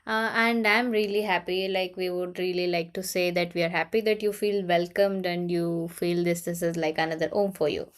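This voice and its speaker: A woman's voice: lowish voice, little pitch movement, moderate pace, few pauses, clean tone. Earnest woman hosting an interview. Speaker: host. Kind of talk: casual interview conversation.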